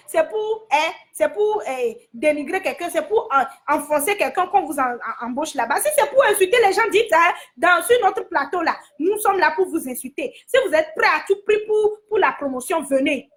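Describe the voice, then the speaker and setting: Very high-pitched indignant Togolese woman. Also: a bit bright. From Togo. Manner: indignant, repetitive, addresses viewers directly. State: angry. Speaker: commentator giving her opinion. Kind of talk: heated opinion vlog.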